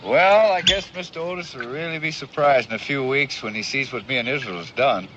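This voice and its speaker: A man's voice: mid-range voice, brisk, background noise, close to an everyday voice. An actor playing a modest, polite strongman with folksy rural phrasing in a TV western. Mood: humble, amiable. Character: humble, gentle strongman and former slave. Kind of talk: 1960s television western acting. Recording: dull old TV soundtrack.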